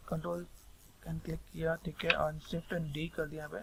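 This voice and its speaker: A man with a Hindi accent giving a rambling, repetitive screen-recorded software tutorial on 3D sculpting. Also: on the high side, monotone, normal speed, vocal fry, noisy background. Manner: rambling, repeats filler phrases constantly.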